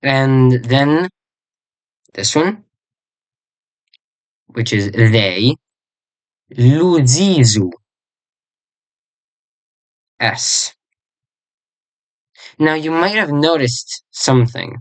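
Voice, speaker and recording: Slow, rambling casual language teacher. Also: mid-range voice, expressive, dry recording. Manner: rambling, searches for words and corrects itself; spells out and repeats words slowly.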